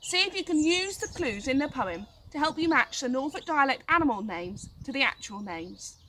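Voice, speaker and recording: A woman's voice: high-pitched, lively intonation, normal speed, pushed and bright, a little hiss or hum. A woman presenting a scripted lesson in an encouraging, instructional way. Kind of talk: scripted educational narration.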